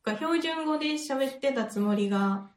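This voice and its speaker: A woman's voice: high-pitched, expressive, moderate pace, roomy sound. A woman with an Osaka-area Kansai accent chatting casually as a podcast co-host. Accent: Kansai (Osaka-area) Japanese. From Kansai, Japan. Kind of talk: casual chat.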